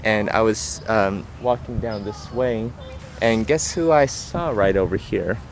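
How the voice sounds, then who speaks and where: A man's voice: lowish voice, measured pace, noisy background. A young man earnestly retelling a story while walking through an outdoor park, with many restarts and repetitions. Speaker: vlogger. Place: outdoor park near traffic.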